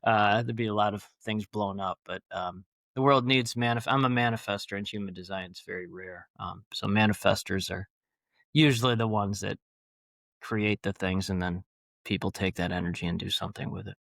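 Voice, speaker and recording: A man's voice: fairly low pitch, steady tone, moderate pace, vocal fry, fairly bright tone, dry recording, clean studio sound. A man talking as a podcast guest, rambling and enthusiastic, with many fillers and restarts. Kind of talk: casual interview talk.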